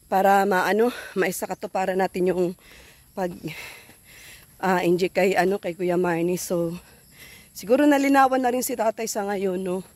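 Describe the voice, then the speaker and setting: A woman's voice: mid-range voice, normal speed, pauses often, a little mellow, no echo. A woman vlogging outdoors on a phone, a little out of breath, chatting casually and thanking her viewers and sponsors. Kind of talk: casual vlog narration.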